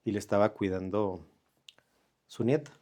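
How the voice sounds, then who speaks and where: A man, sharing a personal testimony in earnest, unhurried conversational storytelling. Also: fairly low pitch, warm tone. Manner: earnest, unhurried, with pauses and reenacted dialogue.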